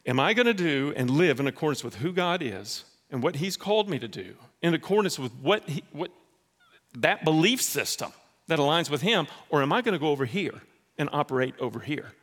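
A man preaching a sermon in a church in a conversational, animated way, acting out dialogue. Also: a little high, fairly quick. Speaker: pastor.

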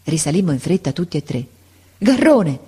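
Woman with a low, measured reading voice. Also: mellow, husky. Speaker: narrator. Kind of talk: scripted audiobook narration.

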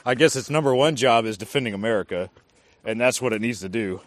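A man's voice: mid-range voice, fast. A man who served as an army drill sergeant, talking casually and hesitantly, thinking aloud as he speaks. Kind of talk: casual conversation.

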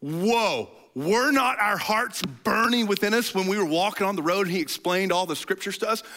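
A preacher doing excited young disciples, high and breathless, talking in slang and swinging his pitch up and down. The man keeps it loose and casual, like buddies on the road. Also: moderate pace, heavily acted.

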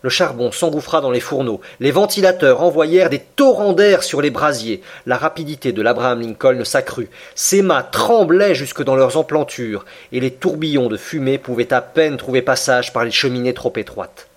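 A man narrating an audiobook in a steady, measured reading voice. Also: medium pitch. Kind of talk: scripted narration of a classic novel.

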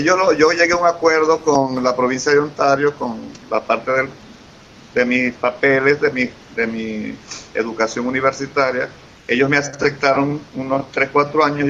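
A Venezuelan man with a Venezuelan Spanish accent chats casually as an interview guest, eager and effusive and often repeating himself. His voice is medium-pitched with a fairly bright tone, and the lo-fi recording has a faint hiss.

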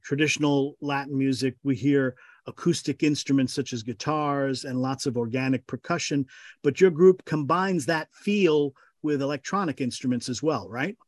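A man's voice: medium pitch, normal speed, no echo. A man hosting a radio interview from a studio, complimenting his guests and asking questions. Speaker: radio host.

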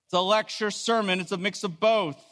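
A man giving a lecture-style sermon, talking quickly and posing rhetorical questions. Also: steady tone, a bit bright. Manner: low, solemn prayer. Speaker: preacher. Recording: reverberant hall sound.

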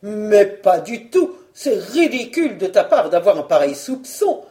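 A woman reading a storybook voices a timid, evasive baron, lowering her voice and speaking hesitantly. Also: big pitch swings, unhurried, dark tone, reverberant. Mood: placating. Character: timid, evasive middle-aged baron collector.

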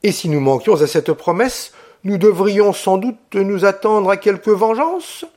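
A man's voice: high voice, expressive, unhurried, darkish tone, voice pushed up. A man reading an audiobook, voicing a witty, teasing young English lady with a playful, lightly mocking manner.

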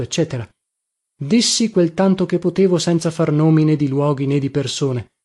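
A man narrating a novel in the first person, reading in a measured, reflective way. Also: fairly high pitch, warm tone. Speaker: audiobook narrator. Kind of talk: scripted literary narration.

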